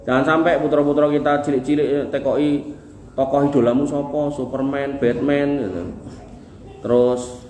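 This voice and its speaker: A man's voice: medium pitch, little pitch movement, normal speed, a little mellow. A man with a Javanese accent preaching a sermon to a congregation in a folksy, joking way, driving points home with rhythmic repetition. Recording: echoey room with faint noise.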